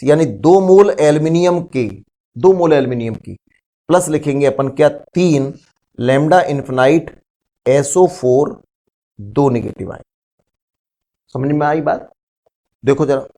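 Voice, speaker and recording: A man's voice: on the high side, dark tone. A man teaching a chemistry lesson, explaining step by step, asking the class questions and calling his students "beta". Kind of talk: classroom lecture.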